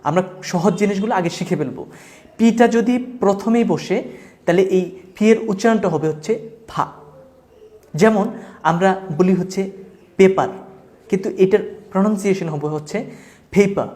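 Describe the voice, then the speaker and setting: A man with a fairly high voice, his first language Bengali, teaching a spoken lesson. He goes over each drilled word several times, slow and patient, like a classroom teacher. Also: darkish tone. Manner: repeats drilled words slowly and patiently. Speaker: English teacher.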